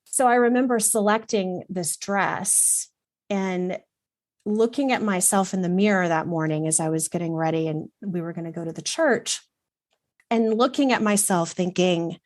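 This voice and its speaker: This Texas woman, middle-aged, has a fairly low voice and a moderate pace, recorded at studio quality without echo. As a guest who works as a wardrobe consultant, she shares personal stories casually, reflective and earnest, dropping in the occasional filler.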